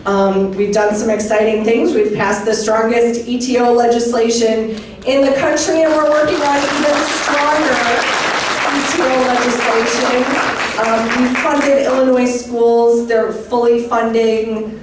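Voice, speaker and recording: A woman state legislator giving a warm, earnest campaign speech of thanks to constituents. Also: fairly high pitch, fairly even intonation, a little slow, a loud crowd, heavy background noise. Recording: echoey room from far off.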